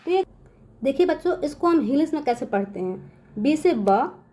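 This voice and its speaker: This is a woman teaching a beginners' English lesson in a high, light voice. She explains letter sounds step by step and keeps checking that the children are following. When she spells a word, she slows down and draws out each sound. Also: lively intonation, dark tone. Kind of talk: classroom-style lesson explaining phonics rules.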